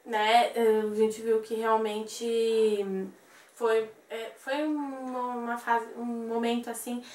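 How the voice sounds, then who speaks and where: A young woman telling a personal story in an interview, animated and acting out the voices of the people in it. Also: fairly high pitch, slow pace. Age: young adult. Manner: animated, acts out quoted voices. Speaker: interview guest. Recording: echoey room, voice from a distance.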